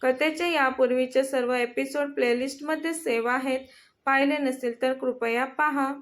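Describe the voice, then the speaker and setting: A woman storyteller reading a love story as scripted narration at a steady pace. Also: sits high, moderate pace.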